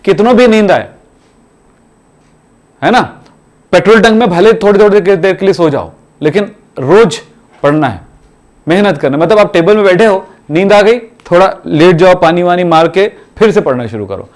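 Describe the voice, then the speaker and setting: A man's voice: high-pitched, expressive, moderate pace. A man teaching chemistry in a classroom, urging students to study every day in a repetitive, exhorting way. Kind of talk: classroom lecture.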